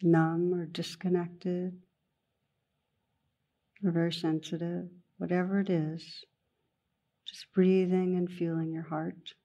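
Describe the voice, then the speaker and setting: A woman leads a meditation in a mellow, low voice, speaking very slowly and gently with long pauses between phrases. Her melody stays flat and even, like a teacher guiding a calm practice. The recording sounds muffled.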